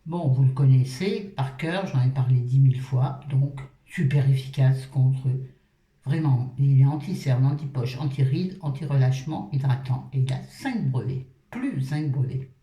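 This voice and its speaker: A woman's voice: extremely low pitch, normal speed, dark tone, recorded from a distance. A middle-aged woman talking through her skincare routine at a washbasin, chatty and joking, poking fun at herself and swearing casually. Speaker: beauty vlogger. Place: at a washbasin indoors. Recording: roomy sound, voice off-mic.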